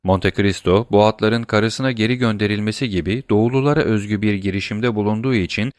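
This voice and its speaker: A man narrating a classic novel as an audiobook in a measured, even storytelling manner. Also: on the low side, no echo, studio quality. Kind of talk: scripted literary narration.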